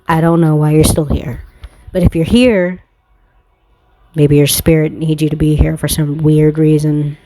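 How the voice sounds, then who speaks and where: A tarot card reader and spiritual content creator gives a casual reading in a blunt, confrontational style, swearing freely. Her voice is low-pitched and mellow.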